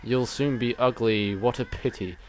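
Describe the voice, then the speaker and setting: A man's voice: medium pitch, steady tone, moderate pace, natural voice, low-quality recording. A man reading aloud the lines of a vain, cruel female witch from a game, in sing-song rhymes. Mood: gloating. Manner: sing-song rhyming taunts.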